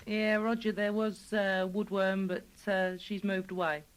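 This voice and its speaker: A woman heard over CB radio, answering in brisk operator jargon with short replies. Her voice is mid-pitched for a woman. Clear static runs underneath her words. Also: little pitch movement.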